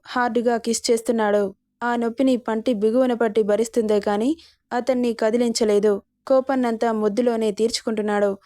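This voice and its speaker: A woman narrating a serialized romance story in a steady reading voice. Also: fairly high pitch, no room sound, studio quality.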